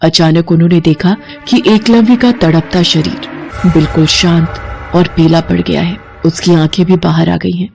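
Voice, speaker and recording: A woman narrating a scripted cartoon horror story with steady, dramatic storytelling. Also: fairly low pitch, normal speed, creaky, soft background music.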